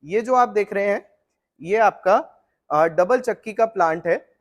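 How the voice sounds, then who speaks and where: A middle-aged man with a voice that sits high walks the viewer through flour mill equipment, speaking directly to them. His technical explanation is steady and unhurried.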